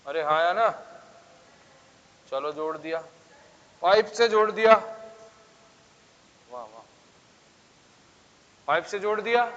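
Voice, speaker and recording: A male physics teacher lecturing in a classroom, constantly pressing his students with questions. His voice sits fairly high for a man, and the sound is muffled, with a long reverb trailing each phrase. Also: fairly bright tone. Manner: coaxing, keeps asking the class questions.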